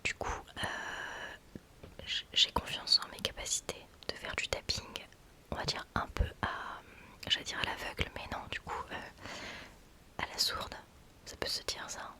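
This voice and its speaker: A woman's voice: measured pace, long pauses. Whispering woman, right in your ear. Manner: informal, excitable, self-deprecating. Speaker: ASMR content creator. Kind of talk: whispered ASMR, casual chat. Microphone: close budget USB microphone with pop filter.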